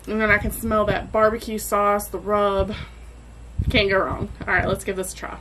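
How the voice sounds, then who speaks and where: A woman's voice: mid-range voice, flat delivery, moderate pace, noisy background. Chatty woman hosting a cooking vlog. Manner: chatty and enthusiastic. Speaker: barbecue cooking host. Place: home kitchen.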